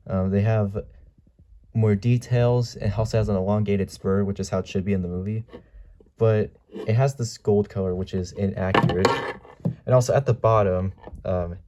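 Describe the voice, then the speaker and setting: A man giving a casual product comparison as a toy reviewer. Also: fairly low pitch. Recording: mellow home recording, faint noise.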